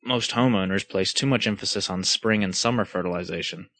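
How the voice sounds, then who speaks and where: Man reading aloud in a lowish voice. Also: fairly quick. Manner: plain, steady read-aloud delivery with small stumbles. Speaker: reader. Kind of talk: reading a story and a lawn-care text aloud.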